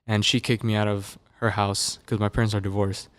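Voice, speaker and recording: A young man from Las Vegas chats casually as a podcast guest, rambling through his stories with plenty of fillers. His voice sits low and smooth, with a fairly flat, even delivery. The dry, close studio mic adds no room sound. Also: a little fast, no room sound. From Las Vegas, USA. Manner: relaxed, loose, filler-heavy storytelling. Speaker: musician guest. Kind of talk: casual interview chat. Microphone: dynamic studio mic.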